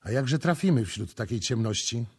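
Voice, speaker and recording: An impatient young prince gives orders in a slightly husky voice of middle pitch, as a male audiobook reader puts him on. He speaks in commands and sharp questions, sure of his own authority. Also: animated, normal speed. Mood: demanding. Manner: imperious, exclamatory.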